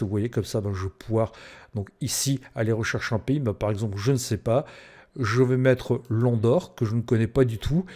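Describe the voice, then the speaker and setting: Man, tutorial presenter, mellow and warm, unhurried click-by-click explanation with fillers. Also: medium pitch, breathy edge. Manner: explains step by step with many fillers. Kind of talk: screen-recorded software tutorial.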